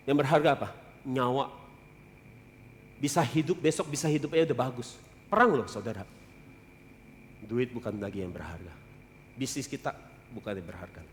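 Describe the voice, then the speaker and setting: A male pastor preaching a sermon in casual Indonesian, animated, jumping from loud exclamations to hushed asides. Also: medium pitch, a little hiss or hum. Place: church hall. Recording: long hall reverb.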